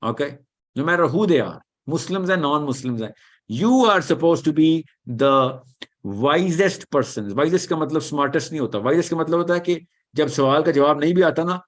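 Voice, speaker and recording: A man answering audience questions in an animated lecture, emphatic and reassuring, often switching into English mid-sentence. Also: on the high side, a little slow.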